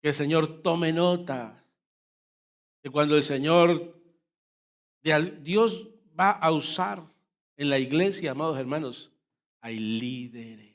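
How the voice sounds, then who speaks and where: A man's voice: a little high, takes it slowly, pauses often. A male pastor, preaching a fervent sermon and addressing the congregation as brothers. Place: church.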